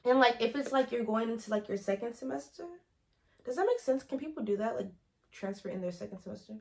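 A woman's voice: fairly high pitch, animated, fast, creaky, darkish tone. A young college woman talking casually to her camera, rambling and easily sidetracked as she gives advice. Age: young adult. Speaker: vlogger. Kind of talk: casual chatty advice vlog.

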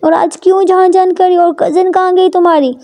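A woman's voice: extremely high pitch, steady tone, a little fast, pitched above the performer's own voice. A woman doing a hurt, snappish young girlfriend. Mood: angry. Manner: sharp and dismissive. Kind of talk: storybook voice acting.

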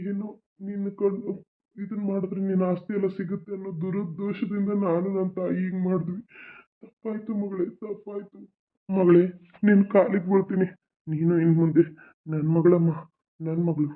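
A man's voice: high voice, natural voice. A man voicing a repentant middle-aged father-in-law in a cartoon, begging forgiveness. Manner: pleading, remorseful. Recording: tinny phone-like recording.

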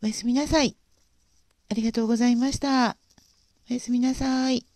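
Soft-spoken woman hosting a livestream. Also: fairly high pitch, fairly even intonation, no echo. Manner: gentle and polite, many pauses and fillers. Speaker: livestream host. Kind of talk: casual livestream chat.

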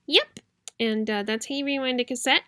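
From a small indoor bedroom, a young cassette-collecting YouTuber chats informally to viewers in a how-to video, giggly and rambling. Her voice is high and a bit bright, at a moderate pace, with no room sound.

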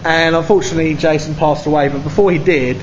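Speaking fast in a fairly high voice with fairly even intonation, a charity organiser explains at length and earnestly while filming the artist in a pub. His words come from behind the camera through its mic, so the sound is dull and background noise is clear.

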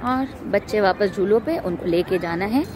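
A woman's voice: medium pitch, moderate pace, music in the background. A woman in her thirties chatting playfully to her phone camera on a family road trip, mixing English words into her talk. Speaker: family vlogger. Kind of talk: casual travel vlog chat. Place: outdoors at a roadside restaurant garden, then in a car. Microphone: phone held at arm's length.

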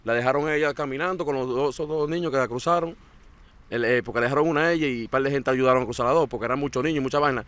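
A man with a Dominican accent, a guest telling his story in a casual interview. He talks in an animated way, repeats words and acts out what others said. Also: medium pitch, very fast.

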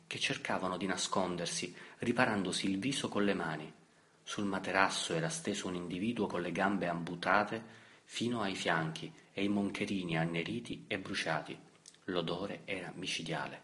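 A man reading a novel aloud as an audiobook narrator, in a measured, steady way. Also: deep voice. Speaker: audiobook reader. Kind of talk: scripted literary narration.

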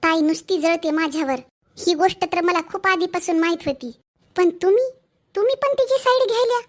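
A spoiled, boastful younger sister from a cartoon family drama, acted by a woman. She talks with a sharp, scornful tongue. The voice is very high. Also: a little fast.

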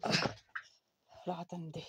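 At a craft table, a woman hosts a casual scrapbooking tutorial, chatty and full of fillers, correcting herself as she goes. Her voice has a darkish tone and a moderate pace.

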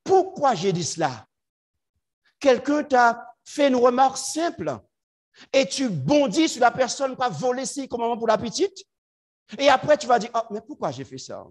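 A man preaching a sermon to his congregation, swinging between loud emphatic lines and low quiet asides. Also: expressive, unhurried.

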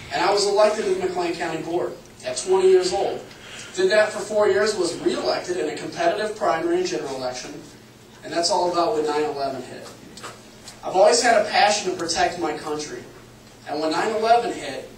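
A man's voice: high voice, slight background noise. A man in his thirties from Illinois, giving a campaign speech at a town hall in an earnest, conversational way. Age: 30s. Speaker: congressional candidate. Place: public meeting room. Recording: echoey room, far from the mic, faint ambience.

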